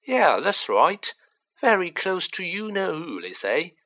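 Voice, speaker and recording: A storyteller voicing a gossipy, excitable young working-class man who talks colloquially and dramatically, in an audiobook reading. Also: medium pitch, slow pace, pitched above the performer's own voice, full character voice. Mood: dramatic, eager. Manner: colloquial, dramatic, dropped grammar, tag questions.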